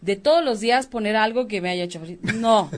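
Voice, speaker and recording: A woman's voice: mid-range voice, brisk. Woman sharing a personal story. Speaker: co-host. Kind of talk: casual talk-show conversation.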